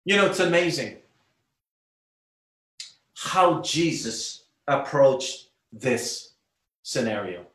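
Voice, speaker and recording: A man from Guyana preaching a sermon, teaching in an emphatic, deliberate way. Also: medium pitch, lively intonation, a bit bright, echoey room.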